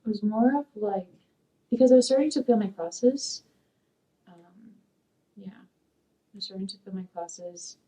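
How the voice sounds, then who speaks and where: A woman's voice: mid-range voice, expressive, measured pace, pauses often, dark tone, far from the mic, rough recording. A young woman from Peru raised in Sacramento, a college student answering oral history questions in a rambling, hesitant way with many fillers. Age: young adult. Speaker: interviewee, community college student. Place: dark studio, seated.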